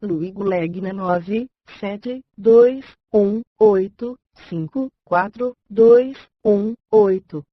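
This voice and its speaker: A synthesized text-to-speech woman's voice with a Brazilian accent, reading a scripted audiobook in an even, measured way. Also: medium pitch, dry recording, lo-fi sound.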